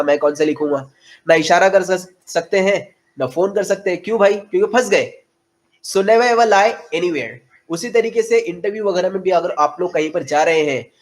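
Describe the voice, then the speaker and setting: A young man with an Indian accent and a fairly high voice teaches spoken English in an online class. He explains in Hindi, then drops into slow, carefully spaced English sentences for students to copy. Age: 20s.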